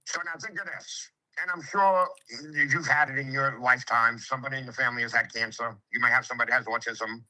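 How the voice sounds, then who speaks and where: A brash, streetwise man talks shop as a contractor. His voice is very bright and forceful, and he lectures with swearing and acted-out quotes. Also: medium pitch, fast talker, rough recording. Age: 50s. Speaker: home improvement contractor. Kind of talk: casual sales conversation.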